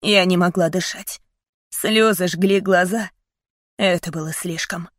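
A woman's voice: on the low side, fairly even intonation, a little slow, dry recording, studio quality. A woman narrating an audiobook in first person, earnest and heartfelt.

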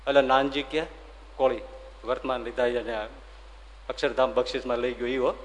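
Animated preacher in a reverberant hall. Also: male voice, mid-range voice, moderate pace, slight background noise. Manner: animated storytelling, acts out voices. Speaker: swami, preacher. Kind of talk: devotional story sermon.

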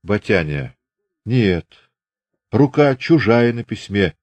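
A frantic young village girl cries out breathlessly, her voice pitched high and strained, as a male narrator puts her on. She sounds close to panic, like a voice from a dramatized audiobook. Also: very animated, takes it slowly, a little mellow, dry recording, muffled recording, exaggerated voice. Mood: anxious. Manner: breathless, crying out in alarm.

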